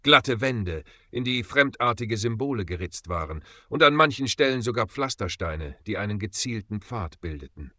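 Bright, low-voiced male story narrator. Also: animated, normal speed, hardly any pauses, no room sound, clean studio sound. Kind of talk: scripted audiobook narration.

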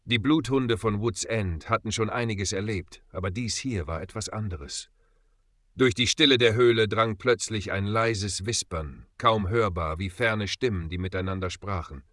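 A man narrating a dark adventure story with dramatic emphasis. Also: fairly low pitch, normal speed, no echo, studio quality. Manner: dramatic, rising and falling emphasis.

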